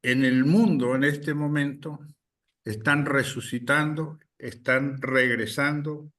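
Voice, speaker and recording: A man from Chile, a guest speaker, giving a deliberate political talk with many pauses and fillers. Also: mid-range voice, steady tone, a bit bright, distant mic.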